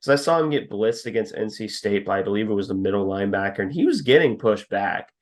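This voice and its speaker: His lowish voice is animated and fast as this young podcast co-host chats about football scouting. Casually sizing up a team's linemen, he rattles off stats and laughs at his own jabs.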